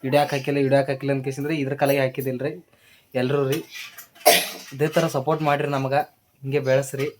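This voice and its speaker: A woman's voice: rumbling low, level tone, fast talker, pauses often, very noisy. A woman with a North Karnataka Kannada accent chatting to viewers in a casual home vlog, repeating her phrases. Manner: chatty, repeats phrases, ends sentences with a polite address word. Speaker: family vlogger.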